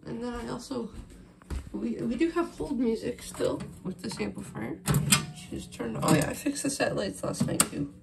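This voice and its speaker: Here the woman's fairly high voice is creaky and expressive, at a moderate pace, with heavy background noise. As host of a video about her phone system project, she talks informally off the cuff while handling equipment, filmed indoors in a small wooden-floored room on a roving handheld phone camera.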